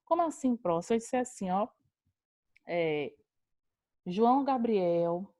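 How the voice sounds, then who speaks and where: A woman's voice: medium pitch, sing-song, normal speed, a little mellow, no room sound. A young adult woman, teaching a grammar lesson over a video call and addressing her students directly.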